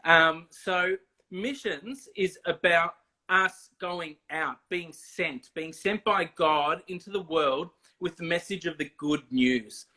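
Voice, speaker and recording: A man talking as a guest in a casual video chat, explaining deliberately with many ums and restarts. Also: fairly high pitch, pushed and bright. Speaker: missions guest.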